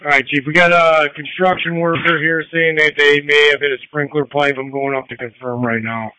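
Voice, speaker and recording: Bright, forceful fire officer on radio. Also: male voice, fairly high pitch, fairly even intonation, normal speed, smooth, no room sound, poor audio. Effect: two-way radio. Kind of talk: working radio traffic.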